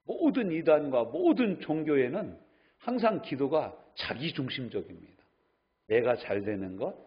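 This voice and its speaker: A man's voice: mid-range voice, breathy edge. A male pastor preaching a sermon and putting questions to his congregation. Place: church sanctuary. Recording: dull lo-fi church recording.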